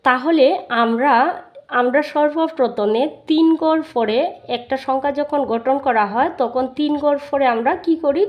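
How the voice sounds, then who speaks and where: A woman with a Bangladeshi Bengali accent teaching a primary school math lesson, explaining step by step and answering her own questions. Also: fairly high pitch.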